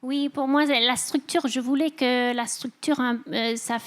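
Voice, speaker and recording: Halting, higher-voiced woman with a foreign accent in French. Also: fairly even intonation. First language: not French. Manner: halting, searching for words in imperfect French. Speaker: novelist, festival guest. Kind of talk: interview answers at a literary festival.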